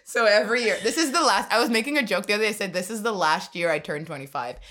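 A woman's voice: mid-range voice, expressive, racing, a bit bright. A woman in her twenties hosting a podcast, chatting casually, joking and laughing often. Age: 20s. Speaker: podcast host. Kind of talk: casual chat.

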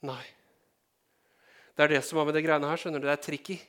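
Preaching to his congregation, a Norwegian pastor uses a fairly high, slightly bright voice that barely moves in pitch. His style is chatty, with questions put to listeners and playful remarks tossed in.

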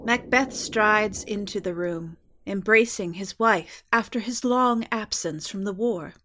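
A woman's voice: mid-range voice, a little slow, pushed and bright, slight background noise. A woman reading scripted scene narration for a drama.

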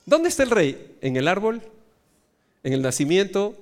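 Peruvian guy preaching, animated pitch, voice sits a bit high, jokey storytelling w/ the crowd. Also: normal speed. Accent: Peruvian Spanish. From Peru. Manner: playful storytelling, acting out both sides of dialogues; asks the audience questions and has them repeat. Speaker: pastor. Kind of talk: sermon. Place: church auditorium.

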